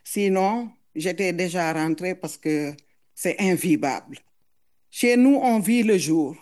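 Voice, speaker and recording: A middle-aged woman with a foreign accent gives emotional public testimony as a mother. She speaks earnestly and haltingly, repeating words as she searches for them. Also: on the low side, animated, a little mellow. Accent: foreign accent in French.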